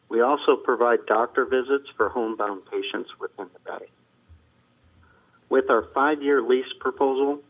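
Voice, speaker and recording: A man's voice comes through a speakerphone, thin and tinny like a phone line, at a middle pitch. He reads a prepared statement to a board at a steady pace and pauses on fillers. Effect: heard over a speakerphone. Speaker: business owner addressing a board. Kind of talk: prepared statement to a public meeting.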